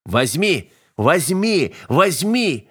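A man voicing a cruel, arrogant young nobleman who taunts his captive with slow, drawn-out commands in an audiobook. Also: medium pitch, very animated, no echo, clean studio sound, voice pushed up. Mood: sneering. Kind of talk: audiobook character voice.

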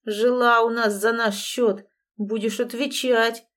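A brash, unshaven young bully who sneers and taunts in coarse street slang, as a woman reading the story puts him on. The voice sits fairly high and drawls its jeers slowly. It is a spoken storybook performance. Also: flat delivery, fairly bright tone. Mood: spiteful. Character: crude scruffy young man, brash bully. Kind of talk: audiobook reading.

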